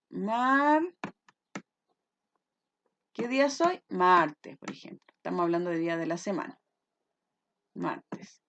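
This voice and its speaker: A woman's voice: mid-range voice, lo-fi sound, slight background noise. A woman teacher explaining a lesson patiently, often checking that her pupils follow. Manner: patient, checks understanding with frequent "¿ya?".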